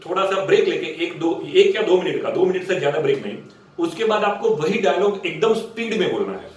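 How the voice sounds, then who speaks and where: A man teaching acting in a casual instructional talk, explaining step by step and sometimes stretching words out slowly to demonstrate. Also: high-pitched. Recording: very echoey room, distant mic, faint noise.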